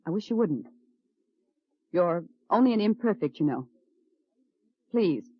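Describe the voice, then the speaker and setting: Lady scientist, lively pitch, dry close sound, muffled old radio. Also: unhurried, dry recording. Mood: pleading. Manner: crisp, clinical lecturing; pleading when upset. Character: female scientist, clinical turned tender. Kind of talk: 1950s radio drama acting.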